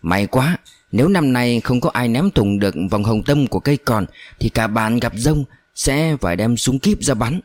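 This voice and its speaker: Narrator doing a village festival elder, plain, relieved, storybook reading, dry. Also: male voice, medium pitch, lively intonation, moderate pace, a little mellow, no echo, close to an everyday voice.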